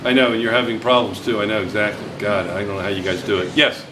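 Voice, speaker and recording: In a noisy classroom, a physics teacher talks fast in a fairly low, level voice. He is chatty and teasing with the class, echoing his students' answers back to them.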